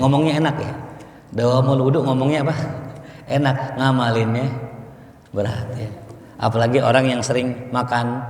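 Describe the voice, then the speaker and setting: A man's voice: medium pitch, echoey room, in a large hall. A man preaching in a mosque, talking in a conversational way, asking his listeners questions and telling stories. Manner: conversational, asks the audience questions, storytelling. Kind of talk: mosque study sermon.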